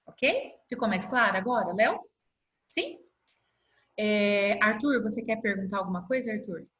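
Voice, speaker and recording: Patient Brazilian teacher on an echoey call. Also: female voice, mid-range voice, expressive, a bit bright, highs cut off. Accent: Brazilian Portuguese. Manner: patient, stretches words slowly to spell them out. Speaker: primary school teacher. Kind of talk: online class explanation. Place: home room on a video call. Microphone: laptop mic on video call. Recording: echoey video-call audio.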